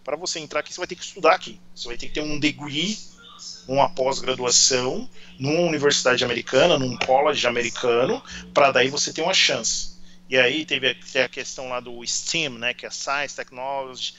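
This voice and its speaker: A man's voice: medium pitch, normal speed, bright, forceful tone, lo-fi sound. A Brazilian man in his forties with a São Paulo accent, chatting casually as an interview guest and telling stories. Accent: São Paulo Portuguese. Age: 40s. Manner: chatty storyteller.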